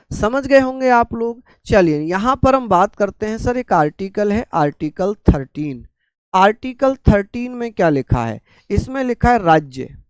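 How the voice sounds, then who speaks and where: High-pitched and free of room sound, the voice belongs to an Indian man leading a live class online while his throat is sore and infected. He speaks slowly and calmly, repeats things and asks students questions.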